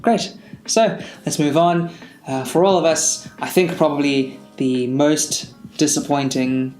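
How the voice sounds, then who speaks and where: A man co-hosting a podcast in casual chat, playful and quick with jokey asides. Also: a little high, a little mellow, soft background music. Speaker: podcast co-host. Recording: roomy echoey room.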